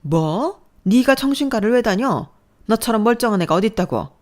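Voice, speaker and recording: A woman voicing a furious, domineering middle-aged mother who scolds loudly in a dramatized story. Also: mid-range voice, sing-song, moderate pace, pitched above the performer's own voice, close to an everyday voice. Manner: shouting, scolding.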